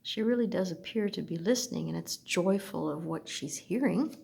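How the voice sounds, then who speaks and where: A woman slowly looking through an oracle deck, speaking softly and at times dropping to a whisper. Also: fairly low pitch, gravelly. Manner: soft, slow, gently admiring, drifts into whispers. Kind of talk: slow unboxing commentary.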